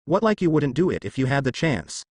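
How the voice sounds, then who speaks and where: A man's voice: medium pitch, very animated, a little fast, a little mellow, no echo, studio quality. A man voicing a flirtatious, teasing goddess of darkness in a storybook reading. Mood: flirty. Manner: teasing, playful.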